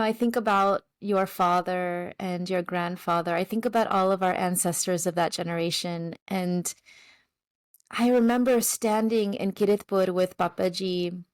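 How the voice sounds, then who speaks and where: A woman's voice: medium pitch, steady tone, moderate pace, no echo, poor audio. Heartfelt woman telling a family story. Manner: gentle, heartfelt, soft laughs. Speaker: guest. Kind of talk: reflective storytelling interview.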